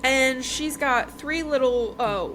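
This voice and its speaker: A woman podcast host who reviews books casually recounts a novel's plot, chatty and conversational, briefly acting out dialogue along the way. Her voice sits high and fairly bright, and she speaks slowly. There is clearly noticeable background noise.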